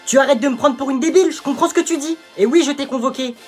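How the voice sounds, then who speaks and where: A woman's voice: mid-range voice, quick pace, faint music behind, natural voice. A woman voicing a stern, sarcastic school principal confronting a student.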